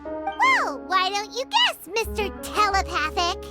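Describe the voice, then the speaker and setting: Tiny excitable fairy sidekick, extremely high squeaky voice, wildly animated, anime game style. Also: female voice, takes it slowly, music in the background, full character voice. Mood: teasing. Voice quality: squeaky, thin. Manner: exclamatory, wide-eyed, gasping. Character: tiny excitable childlike fairy companion, curious and cheeky. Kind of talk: anime video game voice acting.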